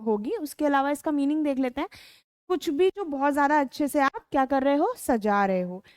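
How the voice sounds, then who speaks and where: Indian woman tutor, high-pitched, dry recording, chatty code-mixed vocab lesson. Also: no echo. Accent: Indian English. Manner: Hindi-English code-mixing, addresses students as beta; rhetorical questions with "है ना?" tags. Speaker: English vocabulary teacher. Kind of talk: online exam-prep class.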